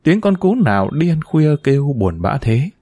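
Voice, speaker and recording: Expressive male audiobook narrator, dry sound. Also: a little high, normal speed, no echo. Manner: expressive, steady literary reading. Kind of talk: scripted narration.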